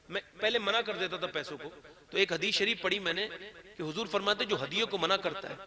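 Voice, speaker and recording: A male preacher with a high voice delivers a sermon to a live gathering, often swelling to impassioned shouts. The murmur of a crowd sits behind him throughout. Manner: impassioned, builds to shouting, addresses crowd directly. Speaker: Islamic preacher.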